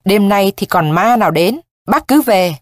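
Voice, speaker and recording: A woman's voice: mid-range voice, expressive, unhurried, no room sound, clean studio sound, natural voice. Woman reading as a weary, sad young woman. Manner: soft, choked with emotion.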